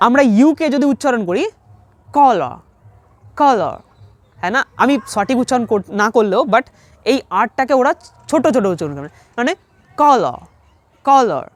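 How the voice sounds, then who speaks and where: A woman teaching English spelling in an online lesson, patiently spelling words letter by letter and repeating each one slowly. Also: a little high, expressive, no room sound.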